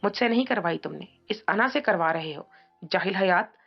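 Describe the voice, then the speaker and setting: A woman reading as a worried young wife, pleading and grumbling by turns, in a gravelly voice. The audio is dull and lo-fi, with faint music under the voice. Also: lowish voice, expressive, moderate pace. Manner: pleading, then muttering.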